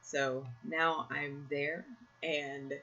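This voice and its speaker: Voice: medium pitch, level tone, drawn-out words, bright, forceful tone, dull audio. A podcast host chatting casually over a home computer mic, rambling and correcting themselves, with a slightly strained, irritated throat. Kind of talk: casual chat. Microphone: own computer mic, live video call.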